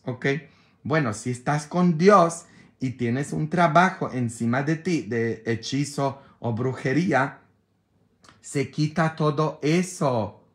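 A man, a priest with a sore throat, chatting casually and jokingly with his followers, sometimes exasperated. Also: a little high. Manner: joking, exasperated, mixes jokes with advice.

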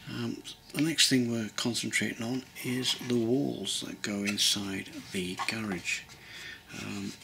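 A middle-aged English man giving a relaxed modelling tutorial at his workbench, thinking aloud with many pauses and ums. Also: on the low side, creaky, slight background noise. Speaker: model railway builder. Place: workbench at home.

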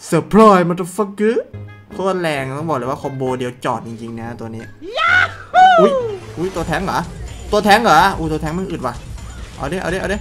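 A man calling his own mobile game match, swearing, teasing, and yelling at his teammates. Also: a little high. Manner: loud, crude, joking, shouts at teammates. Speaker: gaming streamer. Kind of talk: excited live game commentary.

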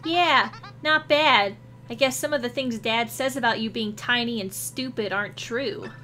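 A woman's voice: on the high side, moderate pace, pushed and bright, faint music behind. A woman voicing a bratty, bossy young prince from a video game. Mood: smug.

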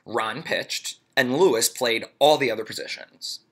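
A man reading a children's storybook aloud in a playful, expressive way. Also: medium pitch, measured pace. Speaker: reader.

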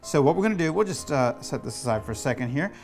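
A man's voice: a little high, animated, quick pace, darkish tone, faint music behind. A middle-aged man hosting a playful kitchen demonstration, giving step-by-step instructions in a teasing, slightly bossy way. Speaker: cooking show host, children's author. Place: home kitchen.

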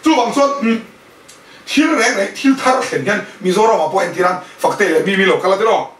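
一位在家庭团契上讲道的男人，不断向听众发问，并夹杂英语词汇。. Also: male voice, high voice, animated, a little fast, a bit bright, slight background noise. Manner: keeps questioning the listeners; mixes in English words. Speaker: preacher. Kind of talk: sermon at a house fellowship. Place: indoors at a home fellowship. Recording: echoey room, voice from a distance.

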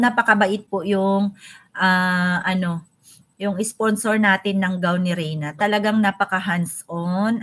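A woman's voice: medium pitch, fairly bright tone. A young woman hosting a casual live stream, chatting and greeting viewers by name.

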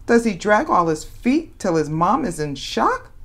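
Hosting a read-aloud for young children, a woman with a creaky, medium-pitched voice speaks a little slowly. She dramatizes the picture-book story expressively, making its questions and exclamations animated.

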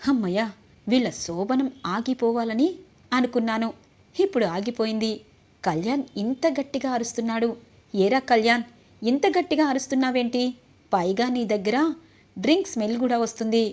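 A woman's voice: a little high, normal speed, pauses often, a little mellow, natural voice. A woman voicing a scheming middle-aged woman who plots against a young couple, in a calculating, spiteful manner.

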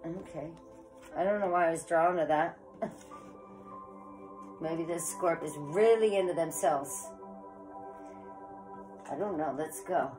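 A tarot reader in her forties, fighting a head cold, chats to camera from an indoor living room with an electric fireplace, rambling and calling her viewers "guys" as she reads the cards. Her voice sits low and slow, with long pauses, over music on a rough recording.

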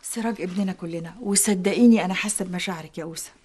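An actress playing a calm Egyptian woman doctor who gently reassures a distraught family. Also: fairly low pitch, rapid-fire, slightly rough. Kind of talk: TV drama acting.

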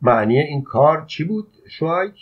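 A man's voice: a little high, expressive, husky, pitched above the performer's own voice. A man reading an audiobook voices an army chaplain who speaks curtly and gives orders. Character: brusque middle-aged male army chaplain. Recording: dull lo-fi audio.

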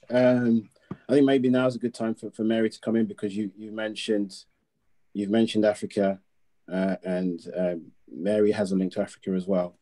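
Male panel chair, low voice with a warm tone, on a video call. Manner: encouraging, hands over the floor. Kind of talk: moderating a panel. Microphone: laptop video call.

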